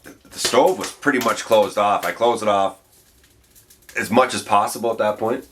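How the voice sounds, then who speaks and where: A man's voice: fairly low pitch, moderate pace, a bit bright, a little hiss or hum. A man telling stories casually as an outdoor vlogger, in a folksy way that repeats phrases for emphasis. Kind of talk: casual storytelling vlog.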